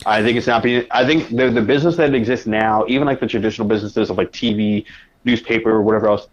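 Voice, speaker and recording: Guy guesting on a podcast, talks fast in bursts, keeps restarting, kinda dull lo-fi mic. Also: on the low side, fairly even intonation. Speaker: podcast guest, media editor. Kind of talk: casual conversation. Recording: dull lo-fi sound.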